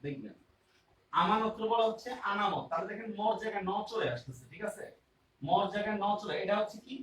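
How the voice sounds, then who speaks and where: A man's voice: high voice, lively intonation, brisk, fairly bright tone, a little hiss or hum. A male teacher gives an online grammar class, repeating key terms and often checking whether students follow. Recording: roomy and distant with faint ambience.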